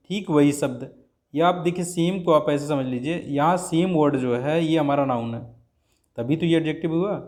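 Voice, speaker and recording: A man's voice: fairly high pitch, darkish tone. A male teacher giving a grammar lesson, explaining step by step and often checking with his students.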